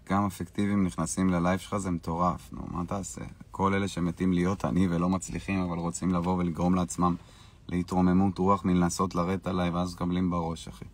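A man's voice: low-pitched, completely flat delivery. A man hosting a live stream, casually answering viewers' questions in a brash, boastful and dismissive way.

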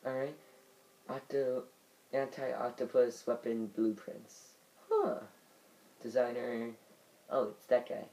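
A man's voice: mid-range voice, flat delivery, takes it slowly, pauses often, dark tone, poor audio. A man giving let's play commentary, muttering to himself while he plays. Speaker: gamer.

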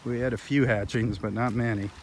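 Walking along a sandy beach by the water, a medium-pitched man from Florida, USA, hosts a relaxed beach walk. He offers easygoing, unhurried remarks between pauses while filming on a handheld phone, and wind and surf noise fill the background.

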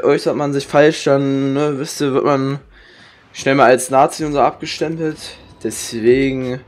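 A man's voice: medium pitch, fairly even intonation, normal speed. A young man from Germany gives casual, rambling gameplay commentary in slangy speech, grumbling and swearing. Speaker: gaming streamer. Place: indoor room with webcam.

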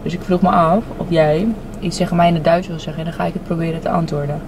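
A woman's voice: lowish voice, steady tone, fast talker. A young woman chatting casually with a child, chewing and eating as she talks. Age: young adult. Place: inside a parked car. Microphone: camera on the dashboard. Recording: clear background noise inside car.

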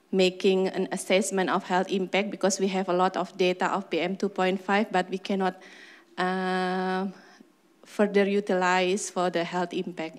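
Low, flat-voiced woman from Indonesia. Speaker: researcher at a workshop. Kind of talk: self-introduction at a workshop.

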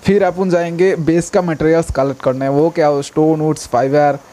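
A young man talks through his mobile game in a loose, rambling way, chatting to viewers and yelping when something attacks him. His voice sits a little high and sounds soft and mellow rather than bright. A faint hiss of background noise sits under the recording. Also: level tone, brisk. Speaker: gaming YouTuber. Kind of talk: casual gameplay commentary.

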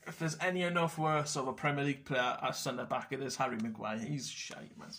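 A man's voice: medium pitch, fairly even intonation, fairly quick, a bit bright. A young man ranting casually about football selections, blunt and sweary. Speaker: football fan vlogger.

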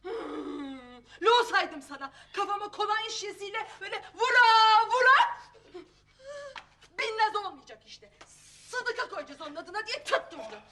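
Middle-aged mother, sharp-tongued, bright and forceful. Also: extremely high pitch, lively intonation, unhurried, full character voice. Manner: scolding, sharp-tongued, flares into shouting. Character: Safiye, fiery middle-aged mother and wife. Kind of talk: TV comedy-drama acting.

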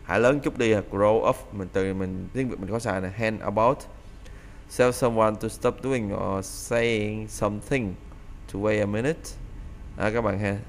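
A man's voice: on the low side, fairly even intonation, unhurried, a little hiss or hum. A man teaching English phrasal verbs in a casual lesson, explaining in Vietnamese and often repeating the phrases aloud.

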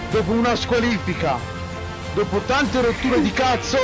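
Hoarse, euphoric high-voiced man. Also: animated, moderate pace, over music, low-quality recording. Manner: euphoric, shouting, swearing, repeating phrases. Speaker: sim racing driver. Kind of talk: excited voice chat after a race.

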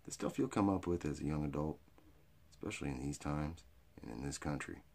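A middle-aged American man with a hick drawl and a gravelly, raspy voice, rambling through off-the-cuff comedy to camera in a crude, rowdy redneck manner. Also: a bass voice, fairly quick, a little mellow. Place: small cluttered indoor storage room or workshop. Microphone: phone or webcam at arm's length.

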